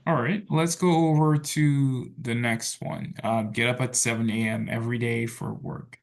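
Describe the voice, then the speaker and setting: A man runs a relaxed English lesson, leaning on fillers and loose restarts as he moves through questions. His voice has a gravelly, creaky edge at a mid pitch. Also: normal speed. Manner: relaxed, filler-heavy, says "so" and "okay" a lot. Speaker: English tutor. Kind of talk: online tutoring class.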